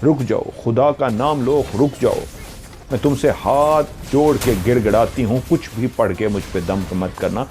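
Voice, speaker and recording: A man's voice: mid-range voice, darkish tone, soft background music, lightly acted. A man voicing a terrified young woman who pleads and begs to be let go, her voice desperate and tearful. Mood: begging.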